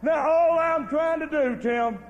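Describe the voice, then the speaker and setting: A man with a very high-pitched voice cutting a wrestling promo. He pleads and then bellows challenges. The audio is dull and muffled, with a long arena echo behind it. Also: measured pace.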